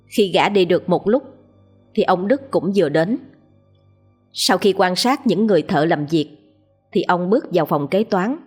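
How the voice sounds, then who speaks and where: A woman narrating a written story in a calm, even manner. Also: lowish voice, moderate pace, pauses often, slightly rough, faint music behind.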